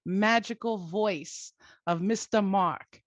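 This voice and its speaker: A woman's voice: medium pitch, slow, no echo. Enthusiastic woman co-host chiming in. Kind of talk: casual talk show chat.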